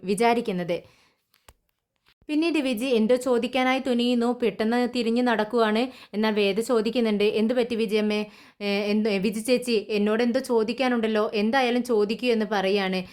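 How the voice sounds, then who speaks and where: Woman doing a serial recap voice-over, malayalam, kinda high voice, keeps restarting words. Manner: plain retelling with frequent restarts and self-corrections. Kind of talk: voice-over retelling a TV serial episode.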